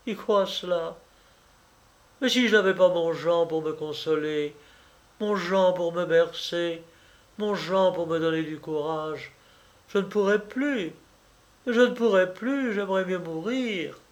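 In a slow storybook reading, a man voices a capricious young woman who tearfully coaxes her lover for money. He pushes his voice up high, pleading, wheedling and sobbing.

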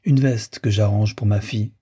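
A man reading the part of a sorrowful, restrained married woman in an audiobook, in a soft, plaintive way, with a dark, husky voice. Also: on the low side, fairly even intonation, normal speed. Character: grieving, yearning bourgeois wife in her thirties.

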